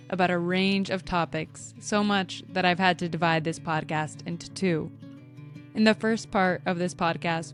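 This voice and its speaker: A young woman hosts a conversational podcast, her voice sitting on the lower side. She talks in a measured, reflective way as she introduces guests and asks questions. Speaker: podcast host.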